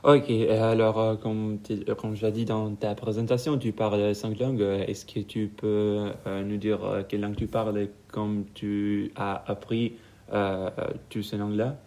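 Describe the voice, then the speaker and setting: A young man from Italy with an Italian accent, hosting a school radio interview in French with frequent pauses and fillers. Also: fairly low pitch, little pitch movement, mellow. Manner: halting, many fillers. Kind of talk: casual interview.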